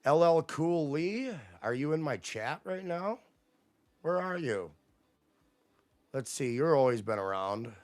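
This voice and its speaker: A man's voice: on the high side, animated, slow, long pauses, no echo. A man hosting a livestream, ranting at his chat in a profane, combative way. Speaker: livestream host. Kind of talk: casual livestream rant to chat.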